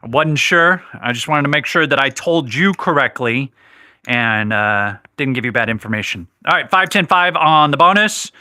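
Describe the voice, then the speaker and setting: A man's voice: mid-range voice, lively intonation, normal speed, bright, forceful tone, dry recording, studio quality. A man hosting a live craps stream, chatting casually, reading viewer comments and correcting himself, while he has the hiccups. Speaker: livestream host.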